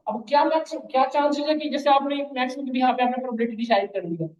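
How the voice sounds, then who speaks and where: A man's voice: extremely high pitch, very fast. Man, teacher, mix, step-by-step explaining, echoey room, dull sound. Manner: explains step by step, keeps checking students follow; calls students "beta" in a fatherly way. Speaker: machine learning teacher. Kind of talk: live online class lecture.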